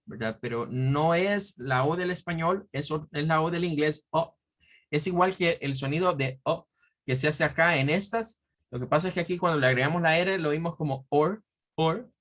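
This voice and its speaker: Male teacher drilling English words slowly. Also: a little high, fairly bright tone. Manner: slow, drawn-out model words repeated several times; explanatory, often checking with "¿verdad?". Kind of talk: pronunciation lesson.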